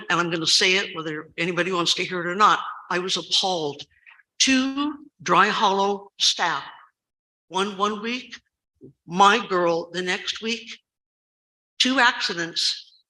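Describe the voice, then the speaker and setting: This seventies-aged woman speaks urgently during public comment at a school board meeting, using a lowish, loud voice that carries, at a measured pace. She recounts a story emphatically and stresses points by repeating key words, captured in poor audio.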